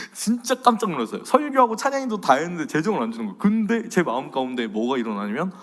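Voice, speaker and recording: A fairly high-voiced man preaches with a lively, swinging delivery, leaning in softly and then rising loud. His voice rings with a long reverb. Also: fast talker. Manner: animated, swings between loud and soft. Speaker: pastor. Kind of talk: sermon-style faith lecture.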